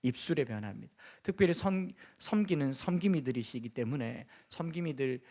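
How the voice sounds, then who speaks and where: A man's voice: mid-range voice, animated, fairly quick, a little mellow. A middle-aged man from the Gyeongsang region, a pastor with a Gyeongsang Korean accent, preaching a sermon earnestly with humorous asides. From Gyeongsang region, South Korea.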